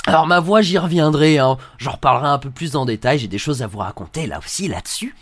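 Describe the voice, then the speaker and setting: A man's voice: a little high, lively intonation, fast talker, a bit bright, no echo. Sarcastic man reacting to hate comments. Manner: mocking, ironic, reads comments aloud in put-on voices. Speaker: video creator reacting to comments.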